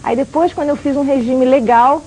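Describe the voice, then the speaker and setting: High, fast-talking Brazilian woman guest. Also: darkish tone, slight background noise, rough recording. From southern Brazil, raised in Rio de Janeiro. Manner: chatty, talks in quick runs with fillers. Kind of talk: casual talk-show chat.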